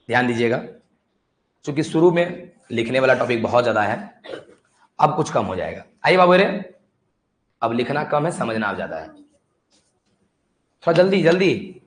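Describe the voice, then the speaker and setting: A male chemistry tutor, lecturing a class, repeating himself and urging students to write, with joking dialect asides. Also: mid-range voice. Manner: coaxing and repetitive, keeps urging students to write; banters and jokes with the class in dialect. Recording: echoey classroom.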